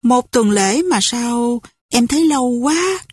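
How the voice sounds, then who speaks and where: Young woman hiding out in a war, soft and pleading, higher pitched, read by a woman, slow. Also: lively intonation, slightly rough, no echo, exaggerated voice. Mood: tender. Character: young woman hiding in a cave during wartime.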